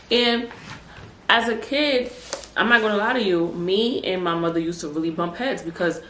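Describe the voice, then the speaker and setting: Chatting casually, a low-voiced Brooklyn woman who hosts a podcast fills her talk with animated asides like "honey" and "child." She hails from New York City, and the recording is echoey, with faint noise in the room.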